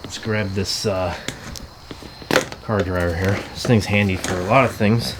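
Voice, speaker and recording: A man's voice: sits low, fairly even intonation, measured pace, background noise. A worn-out, congested man talking offhand about fixing a minibike in his garage, with dry jokes. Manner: tired, offhand, dry joking. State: tired and congested from allergies. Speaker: channel host. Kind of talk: casual garage vlog. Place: home garage.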